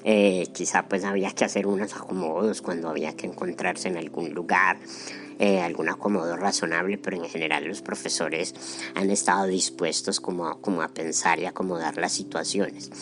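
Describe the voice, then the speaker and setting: A man's voice: low-pitched, steady tone, moderate pace. A man with a Colombian accent, a professor answering interview questions informally. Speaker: law professor, interview participant.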